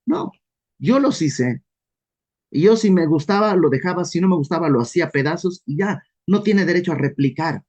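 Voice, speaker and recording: A man with a Mexican accent leading a casual verse-by-verse Bible study, lively and self-deprecating, often acting out questions in quoted voices. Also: on the high side, moderate pace. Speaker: Bible teacher.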